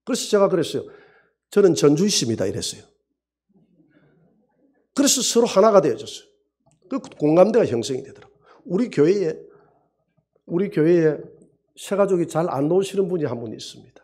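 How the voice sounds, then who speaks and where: A middle-aged male pastor, preaching a sermon and telling anecdotes in an animated way. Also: sits high, brisk, pauses often, husky. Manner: animated storytelling preacher who acts out quoted voices.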